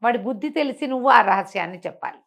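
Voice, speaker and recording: Her voice is on the high side, animated, fast, and creaky. A storyteller explaining moral teachings, she delivers an emphatic, conversational lesson peppered with rhetorical questions.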